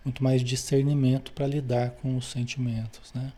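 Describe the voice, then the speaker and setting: A man's voice: medium pitch, little pitch movement, moderate pace, mellow. A man with a Brazilian accent leading a study group, reading aloud from a spiritual book and explaining it, checking with listeners after nearly every phrase. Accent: Brazilian Portuguese.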